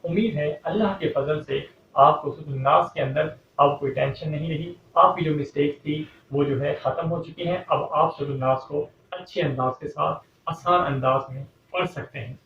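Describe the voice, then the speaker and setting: A man with a slightly high voice teaches a recitation lesson and breaks into slow, drawn-out chanting of the verses. He sounds far from the mic in an echoey room, with a faint hum behind him. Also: vocal fry. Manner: explains slowly, then chants verses drawn out. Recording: echoey, distant, dull lo-fi recording with faint hum.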